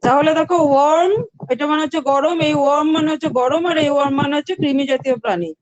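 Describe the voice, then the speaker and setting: High-voiced woman teaching pronunciation. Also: steady tone, very fast, no room sound, low-quality recording. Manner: patient, repeats words and spells them out. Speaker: English teacher. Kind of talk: online class.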